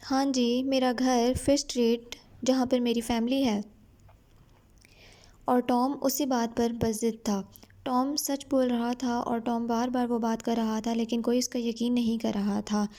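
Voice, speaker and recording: Brief: woman teacher, Pakistani accent, slightly high mellow voice, slow careful reading with explanations. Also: flat delivery. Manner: reads English lines slowly then explains in Urdu. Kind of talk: reading a novel aloud and explaining it.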